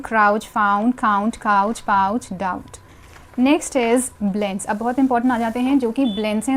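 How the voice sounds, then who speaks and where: A woman teaching a phonics lesson to parents, explaining sounds and reading out word lists slowly. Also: on the high side, warm tone. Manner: slow, drawn-out word lists.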